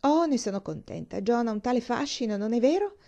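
A woman's voice: on the high side, expressive, a little fast, gravelly, warm tone, muffled recording, pitched above the performer's own voice. A woman reading aloud and voicing a proud, chatty older mother in an audiobook.

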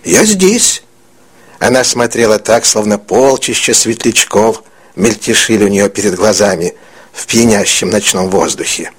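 A man narrating an audiobook in an expressive, melodic storytelling manner. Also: lowish voice, moderate pace, husky. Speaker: audiobook reader.

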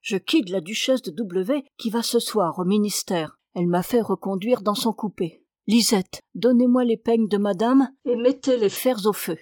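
Condescending male hairdresser, pompous and smooth, close dry sound, woman reading. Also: mid-range voice, normal speed, few pauses, a little mellow, dry recording, natural voice. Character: haughty self-important male hairdresser. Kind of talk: audiobook character reading.

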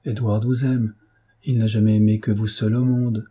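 A man's voice: on the low side, level tone, moderate pace, dark tone, slightly rough. A male reader voicing a heartbroken young woman in an audiobook, speaking in anguished, impassioned outbursts.

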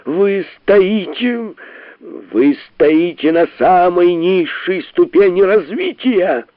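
A man voicing an elderly, irate professor who roars slow, scolding lectures, in a storybook reading. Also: mid-range voice, no room sound, lightly acted. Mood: furious. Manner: roaring, scolding, deliberate. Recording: narrow tinny radio-like sound.

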